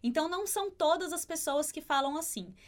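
A woman leads a language lesson in a high, light voice. She explains clearly and patiently, slowing right down whenever she demonstrates a sound. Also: expressive. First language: Portuguese. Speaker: Spanish pronunciation teacher.

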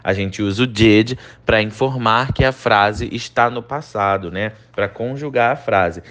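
A man's voice: fairly low pitch, fairly bright tone. Brazilian man teaching English grammar. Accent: Brazilian Portuguese. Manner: explains step by step, often asks "né?" and "ok?"; reads English example sentences slowly and clearly. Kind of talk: recorded online lesson.

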